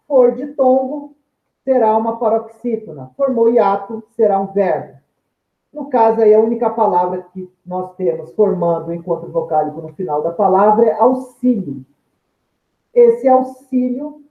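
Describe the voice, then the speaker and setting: A male teacher, giving a recorded grammar lesson in a methodical way, restating each term with synonyms and drawing out example words. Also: high-pitched. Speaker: Portuguese teacher. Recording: echoey room, tinny phone-like sound.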